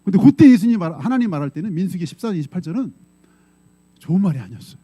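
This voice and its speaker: Racing along in a high, very animated voice with a dark tone and no echo, a middle-aged pastor preaches a conversational sermon in a church sanctuary. He keeps checking in with the congregation and bursts briefly and dramatically into quoted voices.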